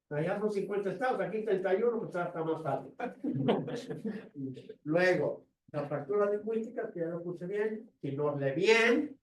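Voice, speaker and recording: Mexican guy lecturing at a conference, wry and lively, mic kinda far off in a big room. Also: sits high. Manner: lively, wry, rhetorical questions. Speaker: guest lecturer. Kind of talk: academic conference talk. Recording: roomy, distant mic in a hall.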